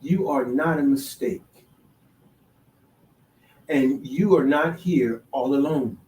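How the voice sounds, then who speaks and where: A man hosting a solo talk show, halting with many restarts, then building to emphatic, sermon-like declarations. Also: mid-range voice, a little mellow. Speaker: podcast host. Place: DC, Maryland, Virginia area. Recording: echoey room, voice far from the mic.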